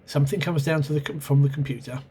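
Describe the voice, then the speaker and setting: A man with a fairly high, warm voice and a breathy edge talks fast with fairly even intonation. Hosting his own channel about role-playing games while sick with a cold and sore throat, he hesitantly rambles about an old game, with many ums and self-corrections. It's a casual video review recorded on a camera mic at home.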